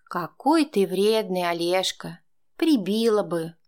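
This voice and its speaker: A fretful, caring grandmother who scolds her grown son one moment and pleads with him the next, put on by a woman reading aloud. The voice sits a little higher than the reader's plain narration, and the delivery is emotional and motherly. It has the feel of an audiobook. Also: expressive, takes it slowly, darkish tone. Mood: worried scolding. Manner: anxious, scolding, then tender. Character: older woman, worried caring grandmother, tearful.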